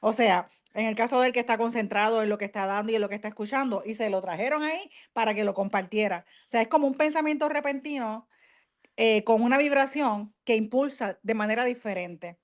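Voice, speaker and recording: A woman with a Puerto Rican Spanish accent, calmly explaining a point on a video call. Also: a little high, fairly quick. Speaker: study group participant.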